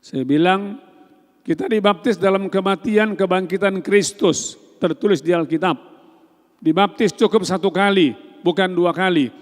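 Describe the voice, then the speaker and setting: A man preaching a sermon, telling stories and acting out both sides of a conversation, swinging from loud outbursts to hushed asides. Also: high-pitched, moderate pace, in a large hall. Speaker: pastor. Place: church.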